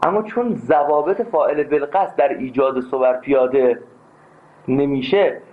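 Man lecturing on a tinny line. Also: mid-range voice. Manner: emphatic, animated, tells anecdotes. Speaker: teacher of philosophy. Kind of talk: classroom lecture. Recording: tinny phone-like sound.

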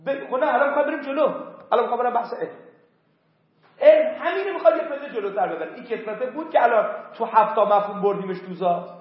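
High-voiced man teaching in echoey room. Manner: emphatic, drills words by repeating them. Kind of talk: classroom philosophy lecture. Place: classroom. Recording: echoey, dull lo-fi room recording.

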